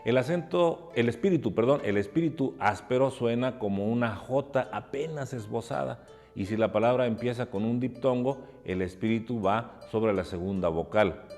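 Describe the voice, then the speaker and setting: A man narrating an educational lesson in a calm, measured way, explaining term by term. His voice sits at an ordinary pitch and rings with a long hall reverb, with faint guitar music underneath. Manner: measured, explanatory, spells out examples. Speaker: teacher.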